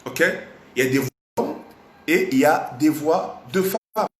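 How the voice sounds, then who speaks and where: A slightly hoarse man teaching a live online singing lesson, animated and repetitive, often stopping to quiz his audience. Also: fairly high pitch, unhurried. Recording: roomy echo, faint background noise.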